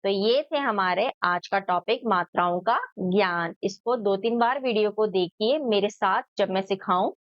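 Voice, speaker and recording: A woman teacher giving a children's lesson, sounding out each letter slowly and answering her own questions. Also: mid-range voice, dry recording, highs cut off.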